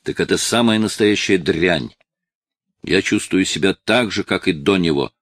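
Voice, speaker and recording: A man voicing a desperate, tearful eighteen-year-old male addict who shouts and pleads with his father, in a dry, close recording. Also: low-pitched, moderate pace, no echo. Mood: agitated.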